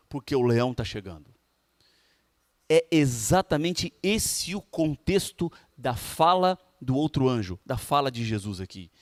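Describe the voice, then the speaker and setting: A man preaching a sermon in a Brazilian Portuguese accent, emphatic, with pauses and drawn-out words. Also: high voice, no room sound, clean studio sound. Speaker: pastor.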